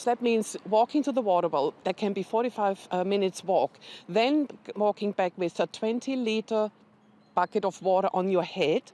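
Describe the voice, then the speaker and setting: A woman's voice: mid-range voice, mellow. A woman speaking as a charity representative in a news interview, explaining facts steadily with a few hesitations.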